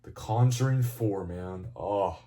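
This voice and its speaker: Slow-talking, profane movie-review guy. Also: lowish voice. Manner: rambling, profane, excitable. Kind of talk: casual video commentary.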